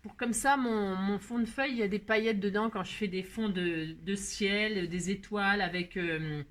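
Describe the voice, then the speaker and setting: Hosting a laid-back crafting video, a woman speaks at a moderate pace in a medium-pitched voice. Her talk is chatty, playful and self-mocking, packed with fillers.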